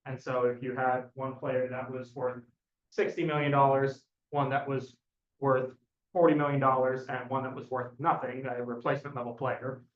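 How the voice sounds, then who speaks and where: A man giving an academic thesis defense presentation as a doctoral candidate, explaining in a hesitant, halting way with self-corrections. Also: medium pitch, flat delivery. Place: echoey indoor room. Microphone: distant room microphone. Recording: dull, echoey room, distant mic.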